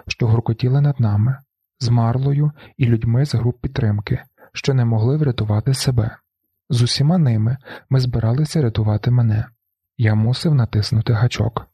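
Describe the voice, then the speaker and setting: A man reading a novel aloud in the first person, with a flat, brooding delivery. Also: mid-range voice, breathy edge, no room sound. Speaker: audiobook narrator.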